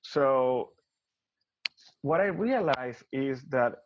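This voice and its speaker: An Argentine man with a mid-range voice and an Argentine Spanish accent discusses his career as a guest in a casual interview, stretching out words with lively intonation. He works as a business consultant and frequently restarts and repeats words, and the sound is lo-fi.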